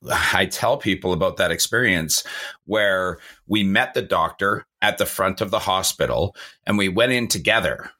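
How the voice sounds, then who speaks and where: A man's voice: sits low, moderate pace, pushed and bright. A man, the show's host, chatting casually, telling anecdotes and asking playful rhetorical questions. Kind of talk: casual chat.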